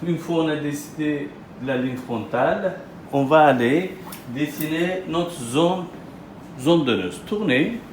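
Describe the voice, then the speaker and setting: A hair transplant surgeon, a man who isn't a native French speaker, presents a patient in an explanatory, interview-style consultation, his French halting and repetitive. His voice sits on the high side with a little hiss or hum. Loud guitar music plays in the echoey room.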